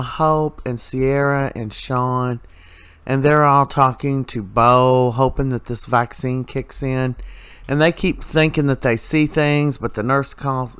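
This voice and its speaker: A man's voice: medium pitch, a bit bright, smooth. A middle-aged man hosting a casual soap opera recap, talking in an emotional, rambling way with many fillers.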